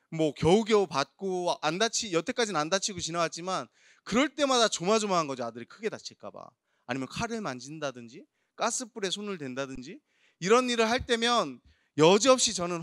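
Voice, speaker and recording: A man in his thirties with a slightly high voice preaches a youth sermon in a church hall, recorded with studio quality and no echo. He tells stories warmly and asks the congregation questions.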